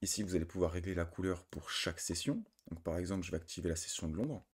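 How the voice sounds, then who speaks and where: Deep-voiced French man explaining software. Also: fast talker, husky. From France. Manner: explains step by step with many fillers and self-corrections. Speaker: trading indicator tutor. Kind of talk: screen-recorded software tutorial.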